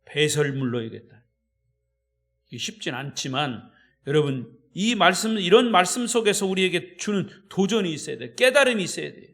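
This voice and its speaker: A male pastor preaching a sermon in a church. He swings between loud, emphatic declarations and hushed storytelling. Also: sits high, animated, normal speed, gravelly.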